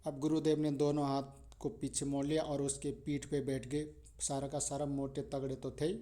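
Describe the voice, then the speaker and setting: A man telling a devotional religious story in a colloquial, animated manner, often addressing listeners as brother. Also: mid-range voice, normal speed.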